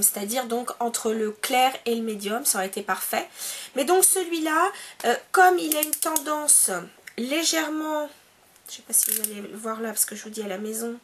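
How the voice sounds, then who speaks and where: A woman's voice: a little high, a little hiss or hum. A woman from France chatting casually in a beauty haul video at home, with many hesitations. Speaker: beauty vlogger.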